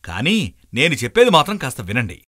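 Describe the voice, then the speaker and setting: A man's voice: mid-range voice, huge pitch swings, a little fast, bright, forceful tone, full character voice. A man voicing a flustered poor cyclist who pleads and complains. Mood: pleading. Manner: pleading, apologetic.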